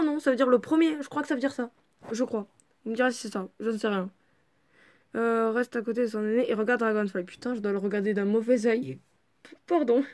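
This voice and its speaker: Excitable French woman reading aloud, higher voice. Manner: excitable, swears freely, breaks off to joke and shout. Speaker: reader of a fan fiction. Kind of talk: casual reading aloud with chatty commentary.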